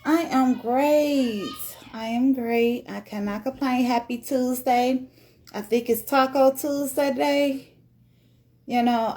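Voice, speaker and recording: A woman's voice: fairly high pitch, darkish tone. A woman hosting a casual live-stream podcast interview, chatty and upbeat, laughing often. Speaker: podcast host.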